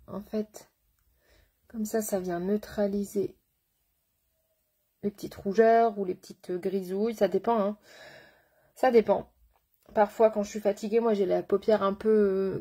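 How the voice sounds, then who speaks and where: A woman's voice: mid-range voice, fairly even intonation, measured pace, pauses often, warm tone, breathy edge. A woman makeup artist giving a live makeup tutorial, chatty and slangy, greeting her viewers with pet names. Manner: slangy, enthusiastic.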